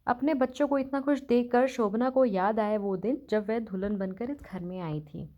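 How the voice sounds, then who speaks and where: A woman narrating a scripted moral family story in an even, steady reading voice. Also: on the high side, moderate pace. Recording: dull lo-fi recording.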